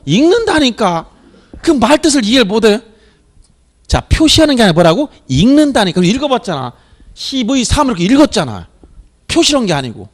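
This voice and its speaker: A middle-aged male lecturer with a high, lively voice that swings widely in pitch. He keeps firing questions at his class and answering them himself, in a brisk exam-coaching manner. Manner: animated, drills students with repeated questions and answers.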